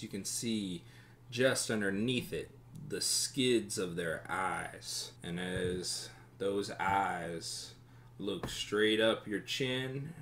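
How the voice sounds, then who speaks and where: Young guy running a tabletop game, slow descriptive narration, lowish voice. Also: a bit bright, reverberant, slight background noise. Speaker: game master.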